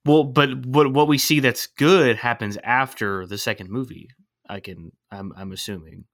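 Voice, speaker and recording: A man's voice: mid-range voice, moderate pace, a bit bright, no echo, studio quality. A man in a casual movie chat, playful and argumentative, jumping in with his own theories.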